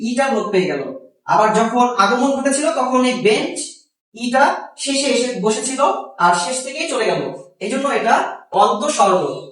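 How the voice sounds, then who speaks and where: A man with a Bangladeshi Bengali accent, teaching a grammar lesson slowly and repeating each example. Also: very high voice. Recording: very echoey room, far from the mic.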